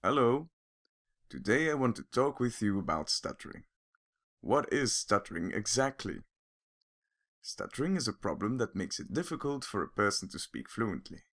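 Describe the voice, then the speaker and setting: A man narrates an animated explainer in a calm, clear, step-by-step way. His voice sits low and has a gravelly edge. His pitch moves in a lively way as he explains. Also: normal speed.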